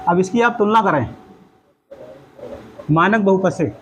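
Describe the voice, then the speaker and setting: A man's voice: high-pitched, animated, measured pace, a bit bright, slight background noise, poor audio. A man teaching a math lesson in a classroom, walking through each step aloud and quizzing the class with questions.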